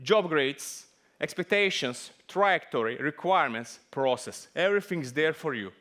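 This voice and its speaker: A man from Serbia speaks with a Serbian accent and a voice pitched a bit above most men. His English is a second language, and his conference talk is lively and full of small jokes. He sounds middle-aged. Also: moderate pace. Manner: lively, joking, non-native English phrasing.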